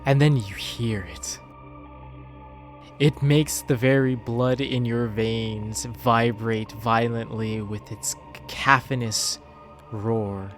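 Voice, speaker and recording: A man narrating a tabletop game as game master, with deliberate, dramatic phrasing. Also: mid-range voice, fairly even intonation, faint music behind.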